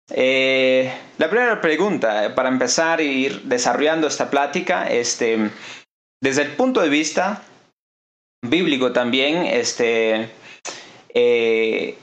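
A man hosting a church podcast in a casual, halting way with many fillers. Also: mid-range voice, lively intonation, a bit bright. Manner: hesitant, many fillers and restarts. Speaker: podcast host. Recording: echoey room.

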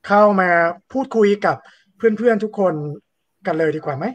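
A man's voice: high-pitched, normal speed, no echo. Chatty male host with a dry, close sound. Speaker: live show host. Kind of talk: casual live-stream hosting.

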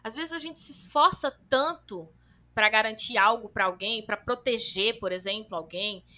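A woman hosting a podcast, reading listener comments aloud and chatting, running one thought into the next with hardly a pause. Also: fairly high pitch, sharp tone. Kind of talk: casual chat.

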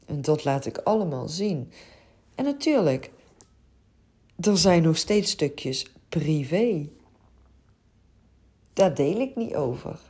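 A middle-aged Dutch woman, a podcast host and childcare coach, offers a reflective monologue in an earnest, open manner with frequent hesitations. Her voice is low, sing-song, and a little mellow, moving slowly and pausing often.

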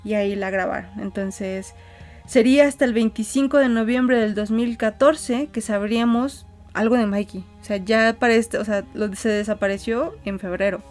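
A woman's voice: on the high side, fairly even intonation, normal speed, a little mellow, soft background music. A woman podcast co-host telling a story in casual chat, hesitant, with fillers and restarts.

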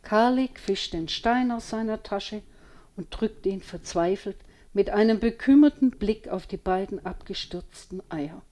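Slow, expressive woman storyteller. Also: medium pitch, slight background noise. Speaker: audiobook reader. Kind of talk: children's story reading.

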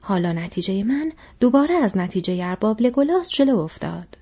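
A woman voicing a fierce, boastful male dwarf warrior who shouts battle cries, in a dull lo-fi recording. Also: mid-range voice, very animated, slightly rough. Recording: dull lo-fi audio.

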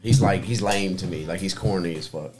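A man's voice: deep voice, brisk, soft background music. A man co-hosting a casual podcast, speaking in blunt, slangy and profane terms.

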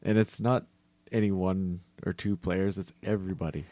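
Man, deep voice, dry recording, casual sports chat, podcast co-host. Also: steady tone, moderate pace, dark tone, no echo.

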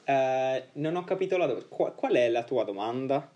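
Very deep-voiced, blunt young woman. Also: expressive, moderate pace, warm tone, highs cut off. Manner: blunt, foul-mouthed, emphatic. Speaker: podcast co-host. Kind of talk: casual explanation and banter.

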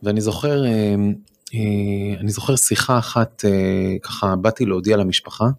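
A man in his forties, telling a personal story as a guest on a studio podcast, halting with many fillers and restarts. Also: on the low side, fairly even intonation, vocal fry. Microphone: studio microphone.

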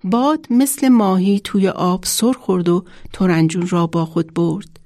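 A woman children's author reading her own story aloud in a measured, expressive storytelling manner. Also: fairly low pitch, dry recording, studio quality.

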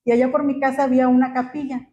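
A woman gives a personal church testimony, speaking in a halting, emotional way with many fillers. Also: sits high, level tone, warm tone. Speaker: church member giving testimony. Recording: muffled, slightly noisy.

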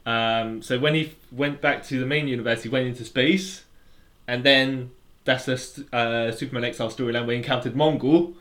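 A man's voice: medium pitch, fairly even intonation, a little fast, fairly bright tone. A man co-hosting a podcast, explaining at length in casual chat with lots of restarts and fillers. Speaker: podcast co-host.

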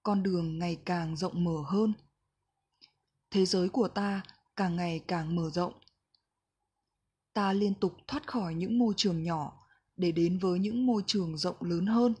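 A woman reading a reflective book passage aloud in a slow, gentle, measured way. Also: fairly low pitch, slightly rough. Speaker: book reader.

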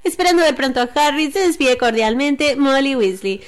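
A woman's voice: high-pitched, expressive, brisk, voice pushed up. A woman voicing a middle-aged witch mother reading out her letter in an eager, salesy tone. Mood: eager, cordial.

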